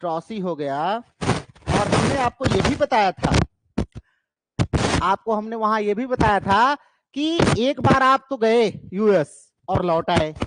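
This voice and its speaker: A man's voice: sits high, animated, slow. A man teaching an exam-prep lecture who keeps asking questions and answering them himself, repeating key terms for emphasis. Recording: noisy background.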